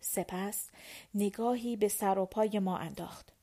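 Speaking at a medium pitch, a female narrator delivers a scripted audiobook reading. The storytelling stays calm, paced, and level throughout.

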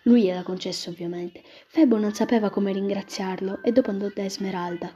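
A woman's voice: mid-range voice, steady tone, a little fast, mellow, a little hiss or hum. A woman reading a romance story aloud, often dropping into whispers, on a dull lo-fi recording. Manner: drops into whispers.

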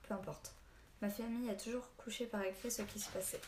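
A woman reads a gruff old hermit who tells stories slowly and loses his temper quickly. The delivery is mellow and even, with little rise and fall. The audiobook recording carries room echo and a faint hiss. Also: medium pitch, close to an everyday voice. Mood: grave. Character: old male hermit storyteller, stern and short-tempered. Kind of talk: audiobook reading.

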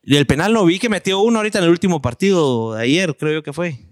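Relaxed podcast host. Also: male voice, on the high side, fast, dry recording, studio quality. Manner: relaxed, laughs often, asks questions. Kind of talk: casual podcast interview.

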